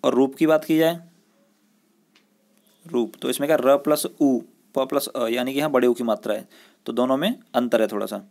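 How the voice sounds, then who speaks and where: A man's voice: medium pitch, moderate pace, vocal fry, pauses often, a little mellow. A male school teacher giving a recorded lesson. He explains step by step, often checks in with the class, and asks questions that he answers himself.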